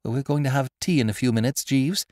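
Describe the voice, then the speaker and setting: A man's voice: mid-range voice, quick pace, a little mellow, no echo, studio quality, pitched above the performer's own voice, natural voice. Bertie Wooster, a man doing a breezy young toff. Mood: chummy. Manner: breezy, chummy upper-class banter. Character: affable, fretful young gentleman of leisure.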